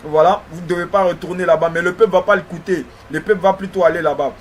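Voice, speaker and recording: A man's voice: high voice, fairly even intonation, quick pace, a little hiss or hum. A man with a slight lisp teaching religious history in a didactic way, repeating phrases and checking in often.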